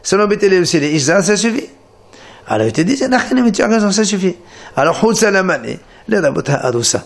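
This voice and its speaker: A man giving a Talmud lesson, explaining the text with animated delivery and frequent restarts. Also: sits high, fairly quick. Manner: animated explanation, many restarts, Hebrew terms. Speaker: Talmud teacher. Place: Marseille study center.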